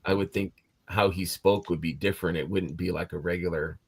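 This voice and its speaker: A man's voice: low-pitched, steady tone, a little fast, vocal fry, slightly rough, no echo. A man hosting a live panel chat, asking questions in a casual, hesitant way with many fillers. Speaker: host.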